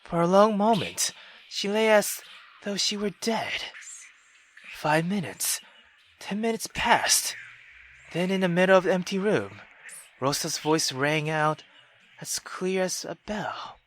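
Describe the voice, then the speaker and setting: Playing a visual novel, a woman with a lowish, animated voice takes her time, pausing often amid slight background noise. She reads passages aloud and drops casual, sweary reactions and hesitant musings in between.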